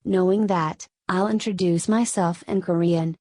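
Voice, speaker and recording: A woman's voice: fairly low pitch, measured pace, dry recording. Spanish-accented woman teaching grammar, dry. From Spain. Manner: steady, step-by-step explaining. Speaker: Korean language teacher. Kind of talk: scripted lesson narration.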